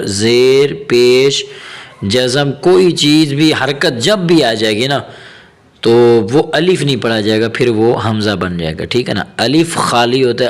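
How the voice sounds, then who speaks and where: A man teaching Quran reading in a recorded tajweed lesson. He explains patiently, checks in often with his students, and drills each syllable slowly several times. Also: mid-range voice. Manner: patient explaining with frequent "theek hai" check-ins.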